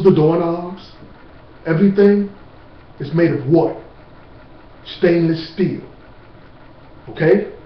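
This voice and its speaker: A man giving an informal lecture to camera, slow and emphatic, with blunt street-talk asides. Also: a little high. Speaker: speaker on natural remedies. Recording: distant, roomy, dull with faint hiss.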